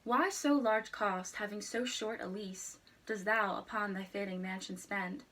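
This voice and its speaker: A woman reciting a sonnet in a formal, measured way. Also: mid-range voice, fairly bright tone. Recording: distant microphone.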